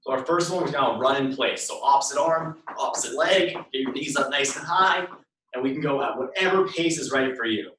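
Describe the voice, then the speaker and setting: Brisk and sharp-toned, this medium-pitched male instructor runs a live workout, calling out short repeated cues and counting down reps. The room echoes and his voice sounds distant from the microphone.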